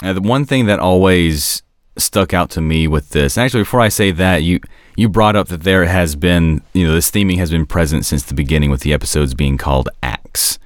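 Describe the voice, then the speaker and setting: Deep, smooth-voiced man discussing a show. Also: fairly quick, no room sound, studio quality. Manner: hesitant, searching for words, self-correcting. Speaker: podcast host discussing an animated series. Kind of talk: casual analytical discussion.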